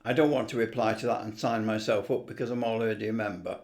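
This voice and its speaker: The man's voice is on the low side with a steady tone and quick pace. He's an amateur video presenter into CB radio, casually rambling and muttering to himself during an unscripted screen tutorial.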